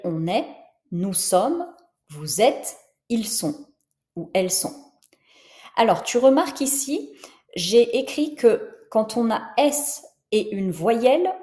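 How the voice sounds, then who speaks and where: A woman teaching a French grammar lesson, explaining patiently and modeling each word slowly. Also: on the high side, darkish tone, reverberant. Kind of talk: slow, clear grammar lesson.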